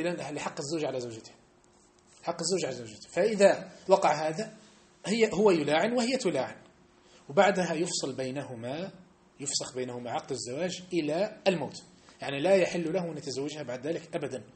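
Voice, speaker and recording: Rapid-fire, high-voiced man teaching. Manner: animated, emphatic, checks understanding with rhetorical questions. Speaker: religious teacher. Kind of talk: mosque study-circle lesson. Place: mosque hall.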